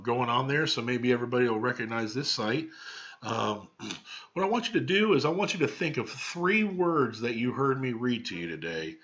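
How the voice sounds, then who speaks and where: A middle-aged male teacher with a medium-pitched, slightly bright voice reads a children's book aloud, stopping to explain words in plain, informal language. He's indoors in a small home room with cabinets, and the webcam microphone at arm's length gives a dull sound.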